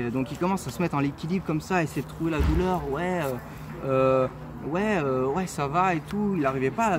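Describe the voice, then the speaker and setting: A man in his twenties from France, telling a personal faith story in an earnest, halting way with many fillers. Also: fairly high pitch. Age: 20s. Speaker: testimony speaker. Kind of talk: casual personal testimony. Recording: clear street noise behind.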